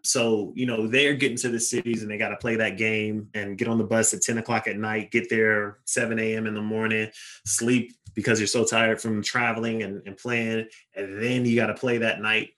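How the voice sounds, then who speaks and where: A young man, a touring basketball player, telling lively anecdotes in a casual interview with quick asides. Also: on the low side.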